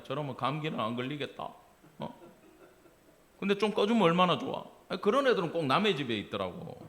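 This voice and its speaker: A man's voice: on the high side, a bit bright. A middle-aged man preaching a Wednesday sermon as pastor, acting out family dialogue and asking the congregation questions. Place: church sanctuary.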